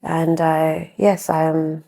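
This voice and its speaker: A woman's voice: low voice, completely flat delivery, takes it slowly, creaky, mellow. A woman in her thirties from Kenya, raised in South Africa, frankly telling her life story as a podcast guest. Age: 30s. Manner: frank, reflective, with small restarts. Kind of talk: candid interview storytelling.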